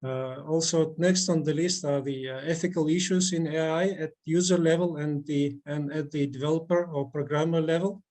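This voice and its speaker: A man's voice: on the high side, fairly even intonation, a little mellow. Hesitant Russian-born man on a video call. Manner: halting, many fillers and restarts. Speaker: conference speaker. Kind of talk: online conference presentation.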